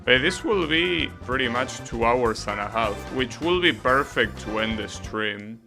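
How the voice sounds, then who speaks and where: A man with an Argentine accent chats with his live-stream audience about the racing game he's playing, relaxed and musing. His medium-pitched voice is a little slow and creaky, heard over music.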